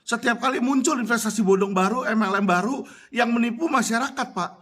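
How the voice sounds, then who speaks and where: High-voiced heated man scolding. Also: a little fast, sharp tone. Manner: heated, accusatory, mixes English phrases. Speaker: lawyer addressing a minister. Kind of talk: impassioned monologue.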